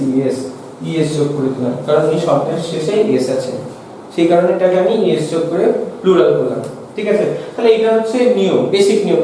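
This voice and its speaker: A man with a Bengali accent, teaching a grammar class in a high, mellow voice. He sits back from the mic in a very echoey room, with faint noise behind him. He keeps asking the class questions and answering them himself. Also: distant mic.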